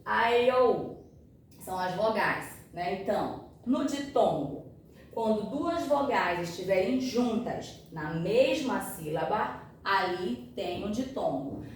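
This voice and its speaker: A woman's voice: medium pitch, expressive, takes it slowly. A woman teaching a grammar lesson, explaining patiently and often checking that her students follow. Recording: echoey room, far from mic, faint noise.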